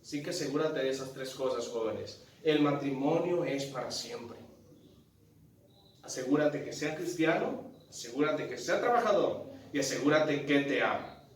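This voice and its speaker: A man preaching a sermon to his congregation in an animated, direct way, often asking them questions. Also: mid-range voice, moderate pace. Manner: animated, addresses congregation directly, tells a joke story. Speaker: pastor. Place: large church hall. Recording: very echoey church hall, mic at a distance.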